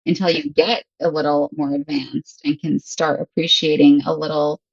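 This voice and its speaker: This guest, an English teacher from Michigan in her thirties, chats casually and laughs often. She speaks at a normal speed in a low, breathy voice with a flat delivery. There's no room sound, and the recording is muffled.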